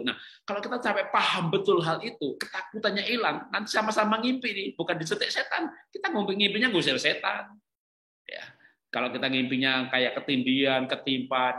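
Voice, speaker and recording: A man's voice: mid-range voice, pushed and bright, reverberant. A man who is a pastor, answering questions in a church webinar in a casual, conversational way and acting out anecdotes with chuckles.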